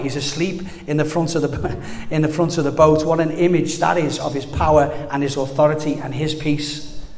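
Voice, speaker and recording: An earnest man preaches in a chatty, heartfelt way, circling back and restarting phrases as he goes. His voice sits a little high for a man. A long reverb trails every line, as in a large church hall. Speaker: pastor. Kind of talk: sermon.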